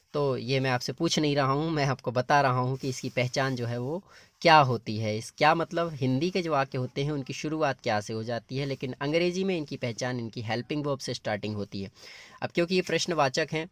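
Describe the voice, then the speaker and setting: A man's voice: mid-range voice, no echo. A male teacher explaining grammar patiently, step by step, in a classroom-lesson style. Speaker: English teacher.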